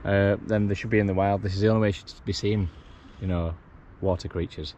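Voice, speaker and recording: This vlogger talks fast in a lowish, steady, slightly mellow voice, chatting casually to camera with plenty of "you know". He starts out kayaking at sea and ends up on a beach. His action camera records dull lo-fi sound where wind and water are clearly heard.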